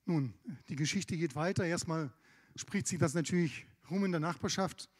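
A man's voice: fairly high pitch, moderate pace. A man preaching a sermon, retelling scripture in a conversational way with casual asides. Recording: long hall reverb.

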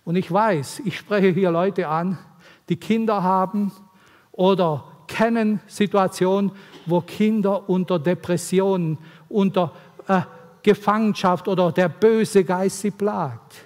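High-voiced man preaching in a reverberant hall. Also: fairly even intonation, a little slow, darkish tone. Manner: earnest, pleading delivery that swells and drops. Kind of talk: sermon. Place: church hall.

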